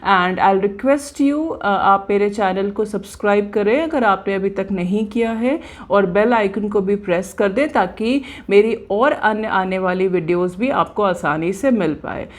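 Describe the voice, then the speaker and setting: A woman with an Indian accent speaks slowly, pausing often and restarting her sentences. She hosts an astrology channel and tells a devotional story with advice, moving between Hindi and English. Her voice sits at a middle pitch. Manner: slow, halting, many fillers and restarts, mixes Hindi with English.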